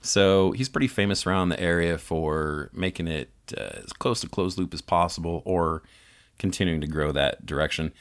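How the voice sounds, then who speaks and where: A man co-hosting a casual podcast chat, relaxed and explaining growing tips, laughing easily. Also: sits low, moderate pace, no room sound. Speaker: podcast co-host.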